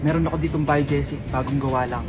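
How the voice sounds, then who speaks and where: A woman voicing a sly male street seller in a comedy skit, speaking in a hushed pitch. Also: steady tone, fast, over music, natural voice. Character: gruff male street seller hawking fakes.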